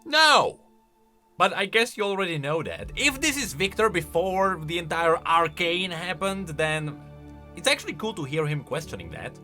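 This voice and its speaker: Faint music sits behind a male video host who casually reacts to game lore, talking conversationally and posing questions. His bright, fairly high voice has an animated, sing-song rise and fall at a normal speed, captured on a close studio-style microphone.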